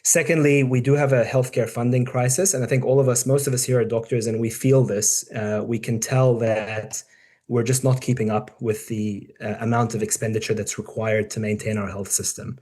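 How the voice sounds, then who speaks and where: A surgeon in his forties, born in the UK and raised in Dubai and New Zealand, gives a casual, conversational presentation to fellow doctors, with frequent ums and restarts. His warm, medium-pitched voice stays level at a moderate pace.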